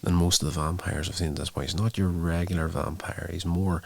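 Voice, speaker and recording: A man's voice: low-pitched, fairly even intonation, a little fast, vocal fry, a little mellow, dry recording. A man hosting his own show, casually retelling a TV episode in a loose, rambling way with many fillers. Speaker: show host reviewing a TV episode. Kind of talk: casual spoken recap.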